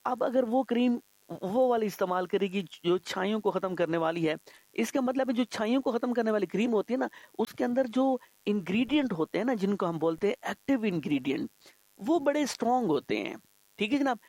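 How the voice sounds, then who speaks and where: A man hosting a radio show in a relaxed, chatty way, pitching products and often tacking on a reassuring 'all right, sir'. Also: fairly quick, no room sound. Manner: chatty, keeps adding 'theek hai janaab'. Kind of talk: casual radio talk with product promotion.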